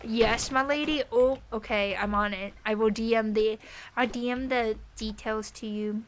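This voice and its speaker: A woman's voice: fairly high pitch, steady tone, unhurried, slight background noise. A young woman streaming from home, chatting with her live audience in a rambling, casual way with lots of fillers. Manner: chatty and rambling, many "like" fillers, light laughs.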